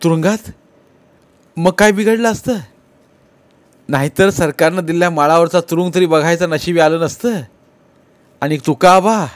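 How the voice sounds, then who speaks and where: A hot-tempered village strongman, played by a male narrator, shouts in a raised, high voice. It is a storybook figure read aloud, plainly recorded. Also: normal speed, long pauses, no room sound, close to an everyday voice. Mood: angry. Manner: loud, shouting in anger.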